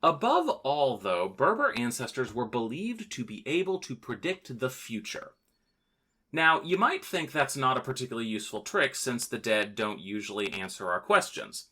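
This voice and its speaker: Lively, bright-voiced man telling history jokes. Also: mid-range voice. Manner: jokey, playful, theatrical asides. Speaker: podcast host. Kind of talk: scripted comedic history narration.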